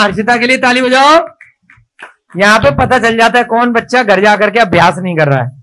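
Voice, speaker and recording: A man teaching children to write a script in a classroom, coaxing and praising them and spelling out each stroke slowly. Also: very high-pitched, bright, forceful tone, rough recording.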